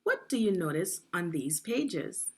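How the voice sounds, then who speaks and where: Speaking in an unhurried, very animated way, a woman with a lowish, darkish voice narrates a read-along for kids. She sounds out words clearly, explains as she goes, and asks the children questions.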